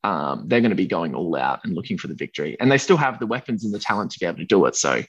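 A man co-hosting a casual football podcast, easygoing and quick to laugh along. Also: deep voice, very animated, husky. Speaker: podcast co-host. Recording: dull lo-fi audio.

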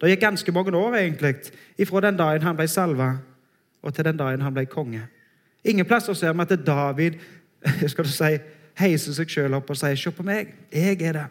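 Earnest high-voiced male preacher. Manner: earnest, emphatic, slows for key phrases. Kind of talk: sermon. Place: church.

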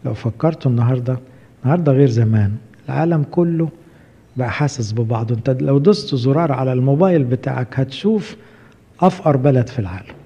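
Man preaching in a dark, echoing hall. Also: mid-range voice, slightly rough. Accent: Egyptian Arabic. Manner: conversational preaching, asks the listeners questions. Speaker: priest. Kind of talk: sermon. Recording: muffled hall recording with long reverb.

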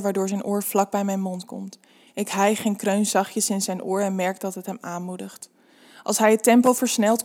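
Soft-spoken woman reading aloud. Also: medium pitch. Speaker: erotic story reader. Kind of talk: reading an erotic story aloud.

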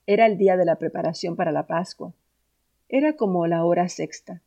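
A woman reading scripture aloud in a steady, solemn way. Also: on the low side, a little fast, highs cut off. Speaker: scripture reader.

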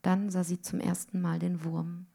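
A woman reading a literary story aloud in a rhythmic way, often dropping to hushed tones. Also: on the low side, flat delivery, moderate pace, vocal fry, breathy edge. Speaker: reader.

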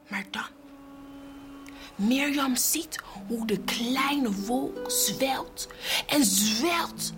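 A woman narrating a Bible story for children, switching between hushed whispers and lively character voices. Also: sits high.

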